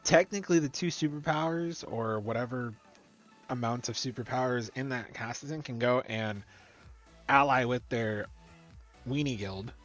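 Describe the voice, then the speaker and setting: A man's voice: mid-range voice, normal speed, fairly bright tone, faint music behind. A man hosting a gaming stream, reading game rules aloud and debating them in casual chat. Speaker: streamer host.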